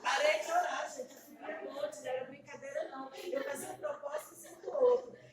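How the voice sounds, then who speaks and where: A woman's voice: sits high, steady tone, brisk, a crowd in the background. A middle-aged woman from Brazil giving an emotional, confiding testimony to her congregation. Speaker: preacher. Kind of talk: testimony sermon. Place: church hall. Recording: echoey church hall, mic far off.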